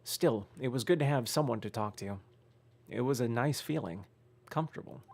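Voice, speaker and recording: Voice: mid-range voice, normal speed, gravelly, a little mellow. A gamer reading a story game aloud with dramatic narration and casual, grumbling, sweary asides.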